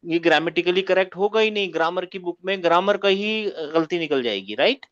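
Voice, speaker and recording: A man's voice: high-pitched, expressive, fairly quick, a bit bright. A man teaching an online grammar class, often asking his students to confirm they follow. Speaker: Arabic teacher. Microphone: video call. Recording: muffled lo-fi call audio.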